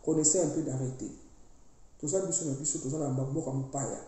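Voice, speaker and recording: A woman acting as a priestess preaches emphatically to her online followers, insisting on her spiritual message and mixing languages freely. Her very deep voice is dark in tone, steady, and a little fast. The room is very echoey.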